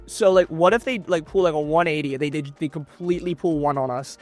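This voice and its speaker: A man's voice: on the high side, a little fast, faint music behind. A man in a casual chat, speculating and thinking aloud in short bursts.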